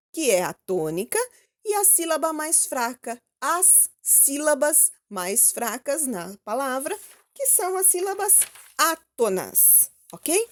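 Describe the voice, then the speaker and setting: A Brazilian woman teacher giving a recorded lesson to children, speaking slowly and clearly and checking in with questions. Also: high voice. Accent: Brazilian Portuguese. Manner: slow, clear, prompting with questions and "ok?".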